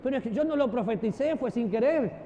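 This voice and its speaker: A man giving a lively church teaching, acting out voices and joking with his listeners. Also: extremely high pitch, fast talker, a little hiss or hum. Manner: animated, acts out voices and gestures, jokes with the audience. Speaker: preacher and teacher. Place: church hall. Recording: dull audio with long hall reverb.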